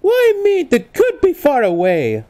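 A woman's voice: high-pitched, huge pitch swings, measured pace, mellow, heavily acted. A woman voicing an earnest, flustered male cartoon video game hero in an amateur comedic role-play, hesitant and exclaiming. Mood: resigned.

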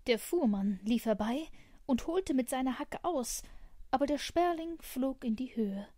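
A woman narrating a fairy tale audiobook in a calm, even storytelling manner. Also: sits high, a little slow, dry recording, studio quality.

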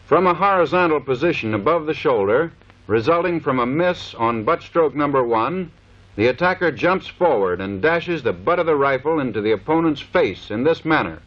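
The training film's narrator is a man whose voice is on the high side and expressive, moving at a moderate pace through scripted, matter-of-fact instructions. It's recorded on a dull, lo-fi 1930s film soundtrack.

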